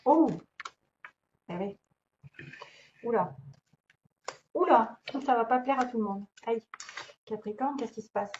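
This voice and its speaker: A woman's voice: fairly high pitch, slow pace, long pauses, darkish tone. A woman doing a casual tarot reading, chatty and thinking aloud with many fillers and small laughs. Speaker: tarot reader. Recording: dull lo-fi recording, faint noise.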